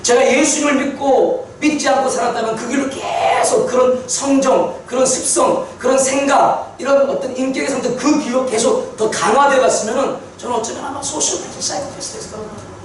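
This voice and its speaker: A man preaching a sermon testimony, telling his story with animated repetition for emphasis. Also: extremely high pitch, fairly quick, hardly any pauses, slight background noise. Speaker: pastor. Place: church sanctuary. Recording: echoey church hall from far off.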